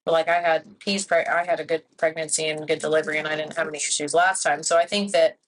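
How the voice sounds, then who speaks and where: A woman in her twenties, a podcast guest, telling a personal story in a rambling, animated way full of "like". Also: sits low, fast, a little hiss or hum, poor audio. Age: 20s. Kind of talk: casual chat.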